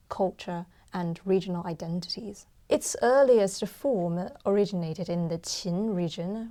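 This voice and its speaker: A woman's voice: on the low side, warm tone. A young woman from China, a guzheng performer, answering interview questions thoughtfully with frequent ums.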